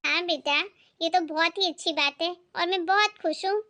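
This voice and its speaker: A woman voicing a patient, doting older mother-in-law in an animated family skit, speaking in a soothing way. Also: very high-pitched, normal speed. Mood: gentle. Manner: soothing, calming her angry daughter.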